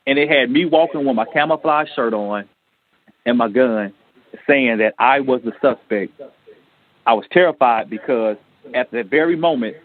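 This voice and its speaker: A man on a radio talk show telling a personal story in an earnest, halting way, acting out the lines of the people in it. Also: mid-range voice. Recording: tinny phone-line radio audio.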